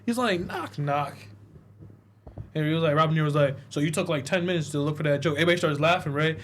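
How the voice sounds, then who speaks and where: A man on a casual podcast, retelling a movie's plot with animated storytelling and acting out the characters' lines. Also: fairly high pitch, very fast, a little hiss or hum. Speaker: podcast co-host reviewing a film. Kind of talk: casual chat.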